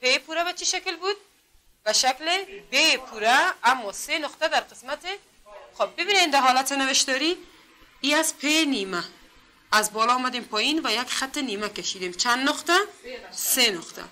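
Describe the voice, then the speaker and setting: A woman's voice: sits high, lively intonation, pushed and bright. A woman from Afghanistan teaching adults to read in a classroom, patiently drilling them with repeated questions. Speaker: literacy teacher.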